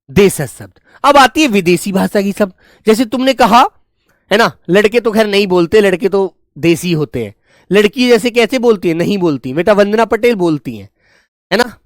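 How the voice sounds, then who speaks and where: A male teacher giving an exam-prep grammar lecture with a high voice. He talks to his students fondly and keeps checking whether they are following. The sound is dry and close. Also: no echo. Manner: fond, coaxing, keeps asking "right?" and calling students child.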